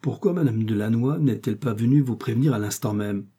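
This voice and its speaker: A man's voice: mid-range voice, fairly quick, mellow, husky, natural voice. A man voicing a cold, powerful cardinal who questions people in a probing, commanding way.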